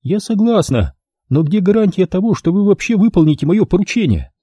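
A man's voice: high-pitched, big pitch swings, brisk, dark tone, husky, dry recording, studio quality, pitched above the performer's own voice, full character voice. A man voicing a cunning woman in a crime audiobook. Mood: businesslike. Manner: businesslike, then sweetly two-faced. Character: shrewd, flirty female criminal client.

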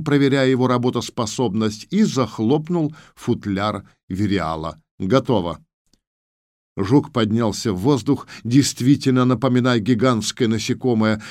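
A man's voice: medium pitch, a little mellow, no echo. Man narrating an audiobook, dry sound.

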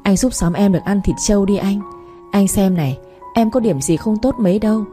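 A woman's voice: mid-range voice, animated, fairly quick, warm tone, faint music behind, close to an everyday voice. A woman voicing a pushy, cheerful young village woman who talks a lot and pleads. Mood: pleading. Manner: chatty, pleading.

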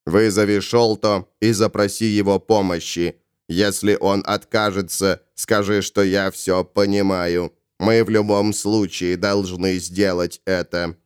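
A man doing a cold inquisitor, low, measured, firm, unyielding, dry sound. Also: flat delivery, smooth, no room sound. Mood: commanding. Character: cold, resolute male inquisitor, calm and unyielding. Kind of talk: audiobook character voice.

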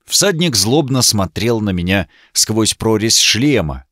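A man's voice: on the low side, very animated, slow pace, a bit bright, dry recording, clean studio sound. A man narrating a fantasy novel aloud with a wry, ironic delivery, voicing the hero's lines in his own voice. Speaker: audiobook narrator.

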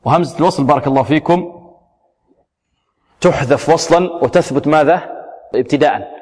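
A fairly high-voiced man teaches Quran recitation, stretching out each example word with care before snapping back to brisk correction. He quizzes his students and answers his own questions. His voice rings with a long reverb, as if in a large hall. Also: a little mellow. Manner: slow, drawn-out demonstrations of each word, then quick corrections; asks questions of the students and answers them himself. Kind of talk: tajweed lesson with recited examples.

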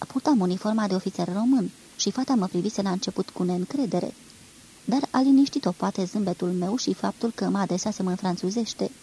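A woman reading a literary novel aloud in a measured, expressive storytelling manner. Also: mid-range voice, slight background noise, low-quality recording. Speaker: reader.

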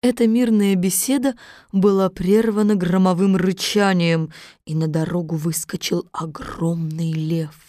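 A woman narrating a children's story in a measured, unhurried reading. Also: on the low side, steady tone, dark tone, no room sound, studio quality.

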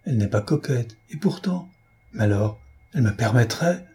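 A man voicing an earnest, lovestruck young lieutenant in an audiobook, with a husky voice. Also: mid-range voice, lively intonation, moderate pace, dark tone. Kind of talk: audiobook character reading.

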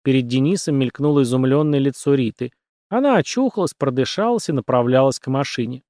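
A man reading an audiobook aloud in an expressive, dramatic manner. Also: mid-range voice, brisk, no room sound, studio quality. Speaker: audiobook narrator.

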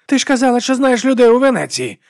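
A man's voice: sits high, normal speed, husky, no echo, clean studio sound, voice pushed up. A man reading an audiobook voicing a timid, whining monk who prays in fear. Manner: whining, fearful praying.

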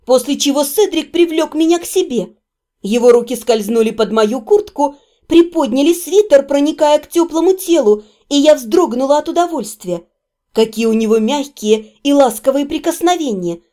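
A woman narrating a first-person fantasy audiobook in an even, expressive reading. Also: high voice.

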